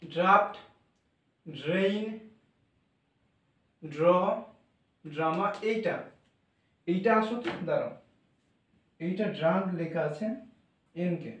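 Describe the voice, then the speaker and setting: A man's voice: a little high, slow pace, long pauses. A man teaching English pronunciation in a classroom style, patiently repeating words and sounding out letters one by one. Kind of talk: classroom explanation. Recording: echoey room from far off.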